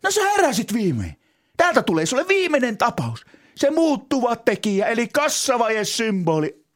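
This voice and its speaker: A man's voice: huge pitch swings, full character voice. A man playing a pushy, rambling entrepreneur-gardener. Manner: rambling, pushy sales pitch. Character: eccentric pushy male entrepreneur turned gardener. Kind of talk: comedy sketch.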